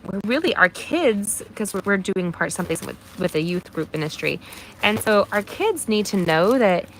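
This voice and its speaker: A woman with a medium-pitched voice demonstrates card-making live, keeping up a friendly chat and encouraging viewers by name. Mild allergies leave her a touch nasal, and the poor audio has a little hiss or hum.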